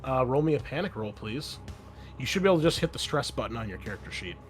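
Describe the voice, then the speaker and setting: A medium-pitched man talks quickly with big swings in pitch, narrating a tabletop roleplaying game as its game master. His style is conversational and explanatory, and background music plays behind his voice.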